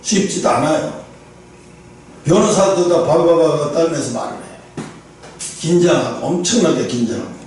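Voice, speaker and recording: A male pastor giving a sermon, telling a personal story in a lively way and acting out quoted lines. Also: fairly high pitch, moderate pace, long pauses, a little hiss or hum. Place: church sanctuary. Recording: roomy hall from a distance, faint ambience.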